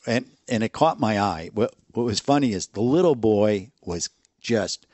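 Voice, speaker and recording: Laid-back middle-aged male co-host, lowish voice, dry room. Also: lively intonation, moderate pace, a little mellow, dry recording. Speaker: podcast co-host. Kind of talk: casual chat.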